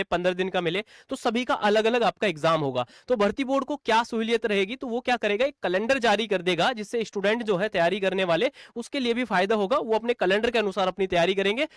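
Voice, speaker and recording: Recorded at studio quality with no echo, a high-pitched man explains material as an exam coaching teacher. His manner is repetitive: he asks rhetorical questions, answers them himself, and refers to viewers as friends and brother.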